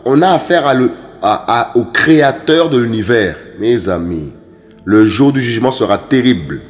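A man preaching a sermon, emphatic and repetitive, often stammering through restarts and jumping to sharp high exclamations. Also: expressive, normal speed.

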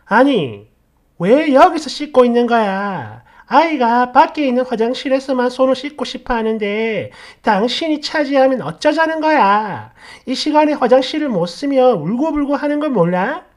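A woman voicing a shrill nagging young wife. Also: big pitch swings, moderate pace. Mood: scolding. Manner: shrill scolding nags. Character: irritated young mother snapping at her husband.

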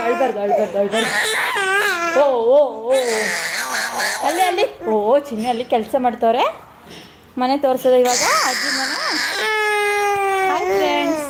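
Young mother, high, lively and sing-song, coaxing a small child, loud outdoor noise on a handheld phone. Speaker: mother vlogging live. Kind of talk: casual live vlog while minding a toddler. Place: outdoors at a house under construction. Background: child crying, animals, work noise.

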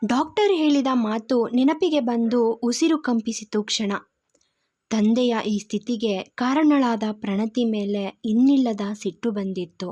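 Woman storyteller, measured audio-story narration; mellow, unhurried, lo-fi. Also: a little high. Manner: slow, measured reading. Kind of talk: scripted narration of a love story. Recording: dull lo-fi recording.

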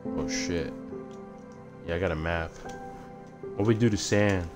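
A man giving crude, joking commentary while playing a game, swearing a lot and breaking into sudden loud yelps between mumbled asides. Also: sits low, a little slow, over music. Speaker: gamer streamer. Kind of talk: casual gameplay commentary.

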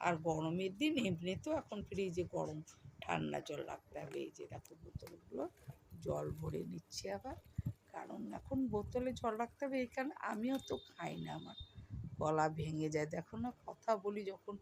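Hoarse, gravelly Bengali woman vlogger. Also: fairly low pitch, normal speed, background noise. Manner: chatty, addresses viewers as friends. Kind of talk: casual voice-over of household chores.

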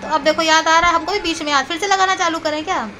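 A woman's voice: very high voice, fairly even intonation, fast talker, music in the background. A woman filming a casual home vlog, talking to her pet dog in playful baby talk and teasing it. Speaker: pet owner vlogger.

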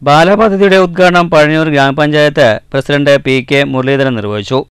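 A male news reporter from Kerala reading a scripted voice-over in a measured, formal way. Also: fairly high pitch, clear, resonant tone, no echo, clean studio sound. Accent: Malayalam, Kerala. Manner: measured formal reading, drops at sign-offs.

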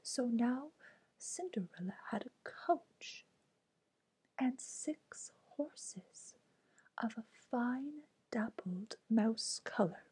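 A woman reading a fairy tale aloud in a soft, unvoiced whisper, ASMR style. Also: on the high side, animated, extremely slow, slightly rough, poor audio. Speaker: storyteller.

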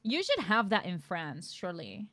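A woman streamer chatting casually while gaming, excitable and swearing casually. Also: fairly low pitch, normal speed.

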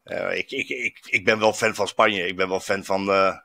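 A man's voice: low voice, fairly even intonation, normal speed, creaky, bright, forceful tone, dry recording. A man, a football journalist reporting from abroad, chatting reflectively with many fillers and restarts. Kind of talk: casual chat. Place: in Stuttgart, on location.

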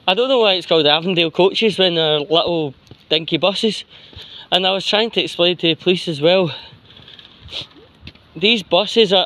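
Walking along a street pavement, a Scottish vlogger rambles casually into a handheld phone, pausing long in mid-sentence. His voice is on the high side, bright and forceful. The outdoor phone audio is poor, with traffic noise.

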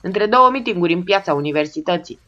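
A woman's voice: fairly low pitch, expressive, sharp tone. A woman voicing an amused, ironic man who teases his friends sweetly and sarcastically, on a dull lo-fi recording. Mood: teasing. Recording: dull lo-fi sound.

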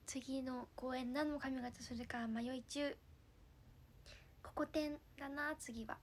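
A young woman from Fukuoka with a Hakata accent, chatting casually on a livestream, giggling and sometimes dropping to a soft murmur. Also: sits high, fairly even intonation, takes it slowly, slight background noise. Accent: Hakata dialect. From Fukuoka, Japan. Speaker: idol livestreamer.

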